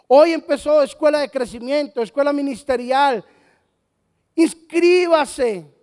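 A man's voice: very high voice, darkish tone, long reverb tail. A man preaching a sermon as pastor, emphatic and often putting rhetorical questions to the congregation.

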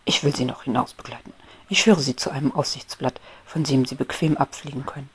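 A woman's voice: very deep voice, steady tone, brisk, a little hiss or hum, pitched below the performer's own voice. A woman voicing a prim, grumpy but polite male rose beetle in a whispered storybook role-play, formal in tone. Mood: courteous. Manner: formal, indignant scolding.

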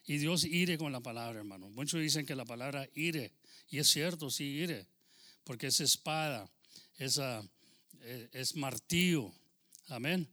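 A man's voice: mid-range voice, measured pace, sharp tone. A man from Texas with a Texan Spanish accent preaching a sermon in church, fervent and rising in volume when quoting scripture, with frequent amens. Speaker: pastor.

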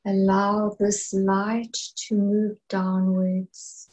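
A woman leading a guided meditation in a soft, soothing, breathy manner, leaving long pauses between phrases. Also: medium pitch, little pitch movement, poor audio. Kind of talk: slow guided meditation narration.

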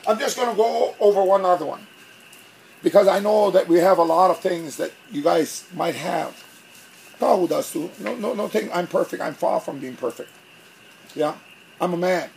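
A male pastor preaches with lively, theatrical energy, slipping into little acted-out scenes. His voice sits high for a man, and a faint hum of noise sits under the recording. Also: normal speed, creaky, low-quality recording. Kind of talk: sermon.

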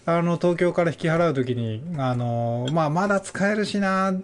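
A man's voice: fairly high pitch, expressive, moderate pace. A man co-hosting a radio show, chatting and explaining things in colloquial, casual speech. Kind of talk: casual chat.

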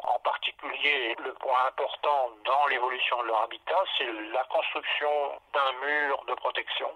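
Halting man with a bright, husky voice. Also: medium pitch, poor audio. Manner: halting, searching for words, often rephrasing. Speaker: interviewed archaeology researcher. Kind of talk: interview explanation, unscripted.

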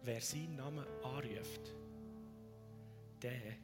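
Male pastor, slow and deliberate, rising to fervent appeals, sinking to whispers. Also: medium pitch, loud music behind the voice. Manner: alternates fervent raised appeals with hushed whispered prayers. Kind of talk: sermon.

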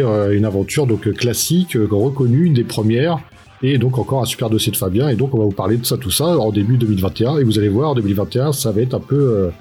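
A man's voice: mid-range voice, a little mellow. A man co-hosting a podcast in casual chat, rambling with hesitant fillers. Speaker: podcast co-host.

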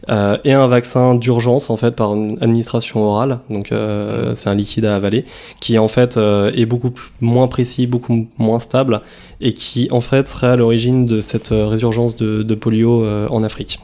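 A man co-hosting a casual news podcast, explaining in a relaxed way with repeated words. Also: mid-range voice. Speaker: podcast co-host.

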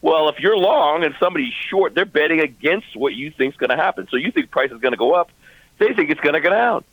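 A man's voice: fairly high pitch, expressive, a little fast, fairly bright tone, no echo, poor audio. A man co-hosting talk radio with explanatory, conversational commentary. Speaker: radio co-host.

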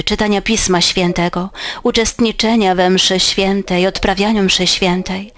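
A woman preaches to her congregation in a steady, earnest manner. She keeps a measured pace and lifts her voice to stress key words. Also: medium pitch. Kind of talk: sermon.

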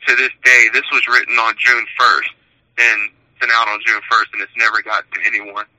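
Calling over a prison phone line, a man earnestly reads out an essay he wrote himself. His voice is on the low side, pushed and bright, with a flat delivery at a slightly fast pace, heard through the prison telephone.

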